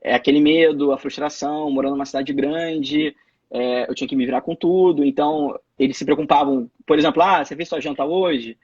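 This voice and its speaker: In a casual live video-call interview, a Brazilian guest in his twenties narrates stories, repeatedly restarting and repeating words. He speaks briskly with a steady, fairly high, a little mellow and slightly rough voice. The phone or laptop mic gives lo-fi audio without echo.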